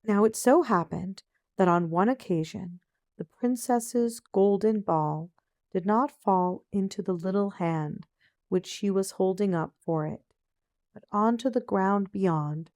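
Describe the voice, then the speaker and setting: A woman reads a fairy tale aloud as if opening a storybook. Her pace is slow and measured, her pitch sits in the middle, and the recording is close and dry. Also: a little mellow, no echo. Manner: unhurried, measured phrasing. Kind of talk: gentle scripted fairy-tale narration, storybook opening manner.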